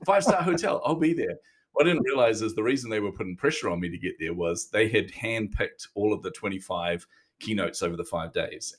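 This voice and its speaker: Animated storytelling man, low voice. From New Zealand. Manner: animated storyteller acting out quoted exchanges. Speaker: guest, neuromarketing coach. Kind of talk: casual storytelling interview.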